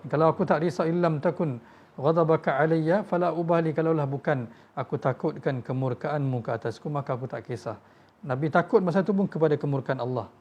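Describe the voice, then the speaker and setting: The recording is muffled, and the man's voice is fairly high and a little mellow at a fairly quick pace. Speaking with a Malaysian Malay accent, he preaches a sermon of emotional stories, voicing quoted figures and addressing his listeners as tuan-tuan.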